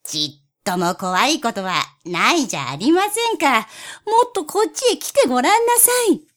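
A woman's voice: sits high, big pitch swings, moderate pace, fairly bright tone. A woman voicing a sly, scheming male spotted cat who coaxes in a syrupy tone, in a storybook reading. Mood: coaxing. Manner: coaxing, wheedling tone.

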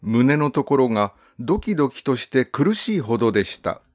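A male narrator reads a first-person story with a measured, gently expressive delivery. His pitch sits in the middle but rises and falls a great deal from phrase to phrase, giving the reading plenty of melody. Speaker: audiobook narrator. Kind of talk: calm literary storybook narration.

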